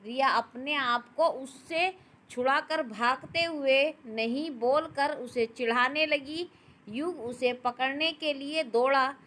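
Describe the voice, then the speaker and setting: A woman storyteller reading a family drama in calm, steady scripted narration. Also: high-pitched, slow pace.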